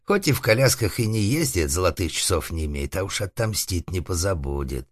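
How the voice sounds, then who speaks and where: Audiobook figure: a man playing a rough, foul-mouthed old organ grinder, raised and hard, in a dry close recording. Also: sits low, lively intonation, brisk, dry recording. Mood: aggrieved. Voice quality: rough, threatening, coarse-spoken. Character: old male organ grinder, crude and vengeful.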